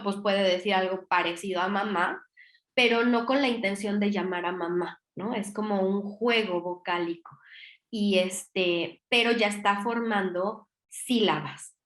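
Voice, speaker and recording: A woman with a Mexican accent giving a virtual conference lecture in an explanatory way, often checking in with quick tag questions and fillers. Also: medium pitch, fairly bright tone, echoey room. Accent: Mexican Spanish. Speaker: lecturer on child language development.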